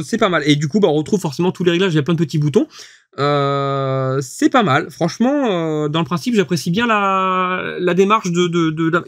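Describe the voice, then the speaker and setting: High-voiced chatty man reviewing gear. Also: no echo, clean studio sound. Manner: chatty, laughs easily, many fillers. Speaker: host testing equipment. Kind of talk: casual product review.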